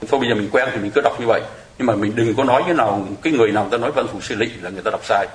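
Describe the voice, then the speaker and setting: A man's voice: medium pitch, very fast. A man giving a chatty, explanatory Buddhist sutra lecture to a congregation, with small laughs now and then. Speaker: Buddhist dharma teacher. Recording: echoey room.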